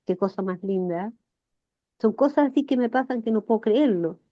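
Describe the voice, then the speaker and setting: This guest is a flower therapist in her sixties with a Chilean Spanish accent, speaking on a podcast interview. She tells emotional stories in a lively, animated way, her slightly high voice moving at a normal speed through a muffled recording.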